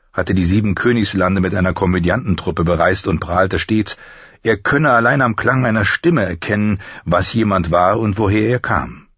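Deep-voiced man narrating an audiobook. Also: a bit bright, breathy edge, no room sound, lo-fi sound. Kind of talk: scripted narration.

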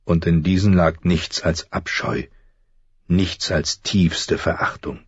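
A man narrating a fantasy novel in measured, dramatic storytelling. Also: deep voice, fairly even intonation, breathy edge, no echo, dull audio. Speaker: audiobook narrator. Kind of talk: scripted narration.

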